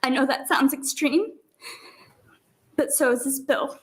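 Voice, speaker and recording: A woman's voice: high-pitched, a little slow. A middle-aged mother giving emotional testimony at a hearing, her voice breaking as she struggles through tears. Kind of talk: public testimony.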